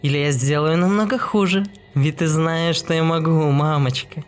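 A man voicing a sinister, cruel teenage ghost girl who sings and taunts in a slow, eerie sing-song. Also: on the high side, steady tone, soft background music, pitched above the performer's own voice, natural voice. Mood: gleeful menace.

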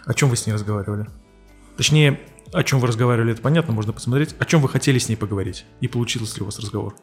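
A man's voice: mid-range voice, rapid-fire. A man in a mid-range voice hosts a podcast interview with faint music in the background. He leads with curious questions and keeps the talk easy and conversational. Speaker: podcast host.

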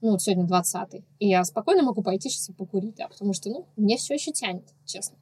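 A woman's voice: medium pitch, lively intonation, quick pace, a little mellow, slightly rough, no echo. A woman blogger talking candidly and earnestly about her own experience in a casual podcast conversation.

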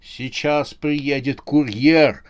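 A man voicing a frantic, unshaven man in a bathrobe who shouts in desperation, in an audiobook. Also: mid-range voice, fairly even intonation, extremely slow, clear, resonant tone, muffled recording. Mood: urgent.

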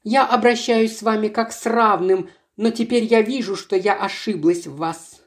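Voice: medium pitch, moderate pace, pitched above the performer's own voice, lightly acted. A reader putting on a haughty young miss, raised and bossy. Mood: indignant. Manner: imperious, scolding. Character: haughty young woman, employer's niece, bossy and touchy.

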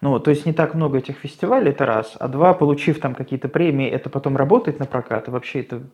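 A man hosts a podcast about documentary film. His voice has a middle pitch, and he builds his questions step by step, thinking aloud as he goes. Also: quick pace, darkish tone, muffled recording. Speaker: podcast host. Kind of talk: interview questioning.

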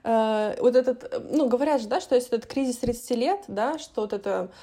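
A woman's voice: fairly high pitch, a little fast, mellow. A woman in her late twenties hosting a podcast, chatting casually with many fillers and hesitations. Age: 20s. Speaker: podcast host.

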